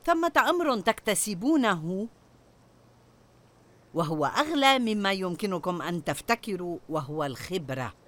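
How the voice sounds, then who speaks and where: A woman's voice: medium pitch, sing-song, normal speed, pauses often, slight background noise. An older woman preaching a sermon, putting rhetorical questions to her listeners. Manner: asks the audience rhetorical questions.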